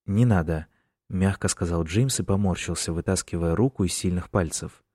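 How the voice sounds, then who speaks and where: Low-voiced man narrating a story. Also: fairly even intonation, fairly quick, darkish tone, breathy edge, no echo, clean studio sound. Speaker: audiobook narrator. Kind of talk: scripted narration.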